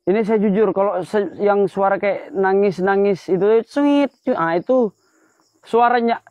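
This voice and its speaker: Excitable high-voiced man in a graveyard at night. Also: unhurried, dry recording. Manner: excitable, keeps exclaiming and pointing things out. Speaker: ghost-hunting vlogger. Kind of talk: night ghost-hunting vlog. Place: cemetery at night, outdoors. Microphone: phone. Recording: slightly dull lo-fi phone audio.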